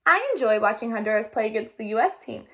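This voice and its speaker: A woman voicing a high young schoolgirl. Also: lively intonation, fast, fairly bright tone. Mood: nervous proud. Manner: upset, pleading. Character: shy young Honduran-American schoolgirl.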